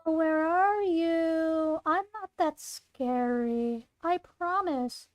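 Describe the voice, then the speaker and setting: A woman's voice: very high voice, extremely slow, no echo, voice pushed up, exaggerated voice. A woman voicing a creepy monster girl who taunts in a sweet, sing-song way. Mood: sweetly menacing.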